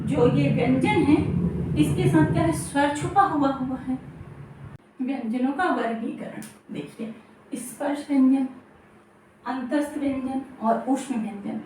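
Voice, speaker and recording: A woman with a high voice teaches an exam-prep grammar lesson, repeating each term and checking in with her listeners. She sounds set back from the mic in a strongly echoing room, with faint hiss underneath. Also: a little mellow. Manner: repeats terms, checks with "theek hai". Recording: very echoey room, distant mic.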